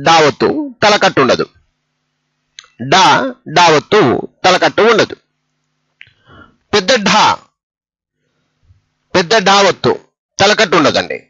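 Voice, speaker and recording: Slow, patient man teaching letters. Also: fairly high pitch, very animated, fairly bright tone, husky, no room sound, lo-fi sound. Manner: patient, repeats each letter twice. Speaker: Telugu script teacher. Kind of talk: slow step-by-step lesson.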